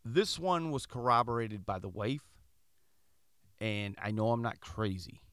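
A middle-aged Michigan man hosts a podcast, telling a story in a casual monologue and animatedly acting out the dialogue in quoted voices. His voice is medium-pitched, clear and resonant, with a measured pace. The recording is studio quality with no echo.

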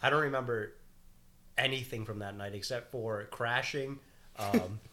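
A man's voice: mid-range voice, fairly even intonation, a little slow, pushed and bright. A young man co-hosting a podcast, recounting a night out in profane, joking, casual chat with frequent laughter. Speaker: podcast co-host.

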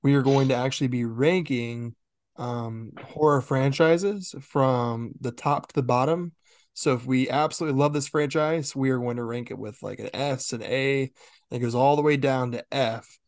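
A podcast co-host on a horror show, this man explains things casually and chattily, with plenty of filler words and easy laughter. His voice is medium-pitched and steady at a moderate pace, with no echo.

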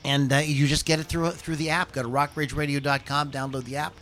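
A man's voice: on the high side, little pitch movement, a little fast, fairly bright tone. A man hosting a podcast in an informal, rambling, chatty way with music playing behind him. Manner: informal, rambling, self-deprecating. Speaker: podcast host. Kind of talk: casual podcast chat. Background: background music.

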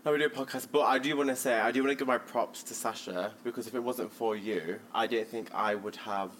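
A man's voice: mid-range voice, steady tone, fairly quick, a bit bright, slight background noise. A man co-hosting a podcast, telling stories and joking in casual chat. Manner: playful, jokey storytelling. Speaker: podcast co-host.

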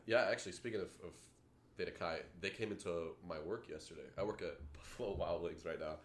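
A man's voice: deep voice, fairly quick. A young man hosting a casual podcast chat, laid-back and slangy, laughing often. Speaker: podcast host.

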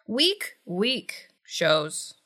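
A woman co-hosting a podcast in casual chat, animated and teasing, laughing often. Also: medium pitch, extremely slow. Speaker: podcast co-host.

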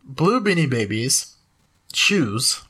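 A man's voice: mid-range voice, big pitch swings, takes it slowly, pushed and bright, slightly rough. A man co-hosting a casual podcast, rattling off a long list of names between laughs. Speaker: podcast co-host.

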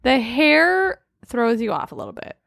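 A woman's voice: fairly high pitch, wildly swooping pitch, measured pace, vocal fry, fairly bright tone, no echo, studio quality. A woman co-hosting a casual podcast with her husband, chatting and teasing with easy laughs. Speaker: podcast co-host. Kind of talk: casual chat.

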